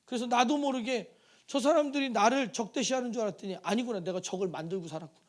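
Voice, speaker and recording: A male pastor preaching a sermon in a church, animated and storytelling, acting out quoted voices and putting questions to the congregation. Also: very high-pitched, fast. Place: church sanctuary.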